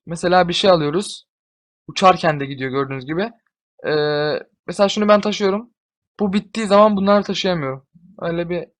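A young man giving casual gameplay commentary, excitable, often swearing and shouting at his units. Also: a little high. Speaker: gamer.

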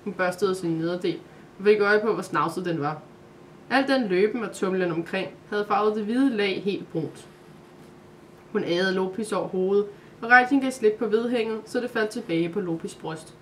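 Calm woman reading a story aloud. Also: medium pitch, a little hiss or hum.

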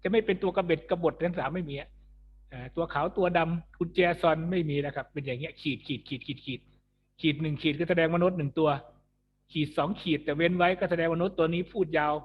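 A man's voice: fairly high pitch, fast talker, dull audio, a little hiss or hum. A man teaching a music lesson, chatty and joking, laughing at his own jokes. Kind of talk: recorded online lesson. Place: alone in an empty school building.

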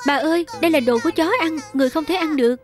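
A kind little girl pleads softly and earnestly, read by a woman in a voice-over dub. The voice sits high and light. Her tone stays gentle from line to line. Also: very fast, faint music behind, natural voice. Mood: pleading. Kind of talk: Vietnamese voice-over dubbing.

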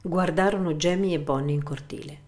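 A woman reads a novel aloud with a low voice and a steady, measured pace. The narration is calm and literary. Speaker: audiobook reader.

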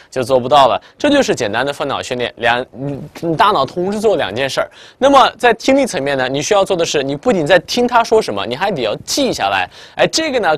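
A man teaching a lively online English listening lesson in Mandarin Chinese, often checking if the viewer follows. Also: fairly high pitch, no room sound. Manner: lively, chatty teacher, quizzing the viewer with "明白了吗". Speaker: English test tutor.

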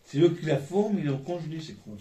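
A man's voice: fairly high pitch, big pitch swings, fast, warm tone. A man chatting casually while munching crunchy chips. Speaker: vlog co-host tasting snacks. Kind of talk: casual chat. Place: small hotel room, indoors. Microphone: phone camera a couple of metres away. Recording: echoey, distant phone recording with noise.

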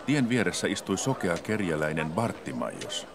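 A man narrating scripture in a steady, measured reading for a film. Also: low-pitched, crowd noise. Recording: music playing clearly under the voice.

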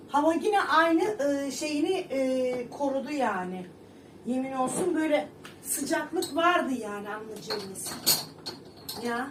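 A middle-aged woman chatting casually to her viewers at home, rambling along with frequent fillers. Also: high voice. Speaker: vlogger. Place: home kitchen. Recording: echoey room, distant mic, background noise.

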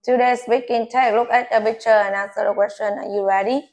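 A woman English teacher with a Vietnamese accent, giving an oral speaking test in a classroom with brisk short prompts and corrections. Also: a little high, fairly even intonation, a little mellow. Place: classroom, off camera.

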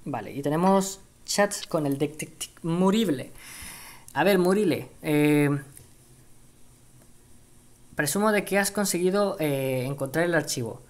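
A woman's voice: low voice, lively intonation, measured pace, pauses often. A woman from doing casual game commentary and reading dialogue aloud, hesitant and thinking aloud with many fillers. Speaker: gameplay streamer.

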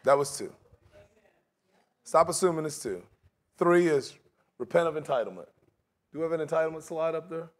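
A man's voice: on the high side, animated, normal speed, long pauses. A middle-aged man preaching a sermon in a large church sanctuary, talking in a conversational way and slipping into mocking voices for his examples.

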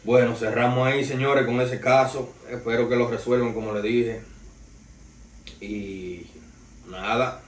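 His mid-range voice is steady and unhurried. The speaker, a young man from the Dominican Republic with a Dominican Spanish accent, hosts a casual gossip podcast, telling entertainment news in loose, slangy style and calling listeners "señores". Seated on a sofa indoors in a small living room, he's recorded by a distant camera with no mic seen, so there's roomy echo and faint noise.

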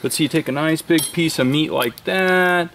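Casual vlog host, man, quick and lively demo voice, slightly high, light background noise. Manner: animated, explanatory, quick-talking. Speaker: host demonstrating crayfish shelling. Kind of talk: casual cooking demonstration.

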